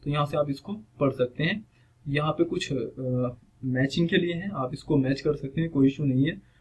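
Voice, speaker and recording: A man's voice: on the high side, normal speed, a little mellow, husky, low-quality recording. A man teaching English vocabulary over slides, switching between Hindi and English and often saying "theek hai".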